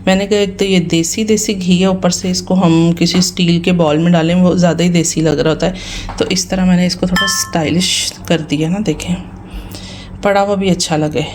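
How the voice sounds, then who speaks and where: A woman in her thirties with a Pakistani Punjabi accent speaks in a hoarse, tired voice that sits a little low. She chats through a home vlog voice-over and keeps turning to the viewers to ask what they think. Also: steady tone, normal speed, a little mellow, a little hiss or hum. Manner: chatty, addresses viewers directly, asks their opinion. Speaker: vlogger.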